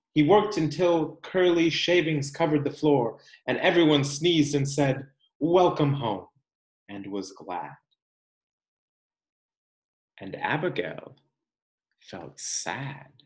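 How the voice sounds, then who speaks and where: Reading a children's picture book in a teacher's manner, this man has a fairly high-pitched voice. He is expressive and unhurried, pausing for effect and asking guiding questions, while the room gives off an echo.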